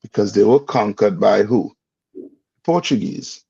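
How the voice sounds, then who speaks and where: A gravelly, slightly rough male voice on the low side, dark-toned and measured, leads a religious class. He quizzes the students and prods them for answers in call-and-response fashion. The recording is dull, dry and lo-fi, without room sound.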